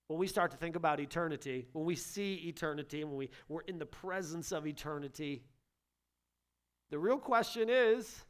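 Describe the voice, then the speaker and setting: A man in his thirties preaching a sermon as pastor, swinging between loud urgent bursts and soft, hushed lines. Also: a little high.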